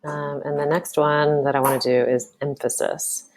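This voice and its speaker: A woman teacher walking through a software tutorial, talking casually and thinking aloud with frequent ums. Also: deep voice, level tone, moderate pace, slight background noise. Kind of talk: screen-recorded software tutorial.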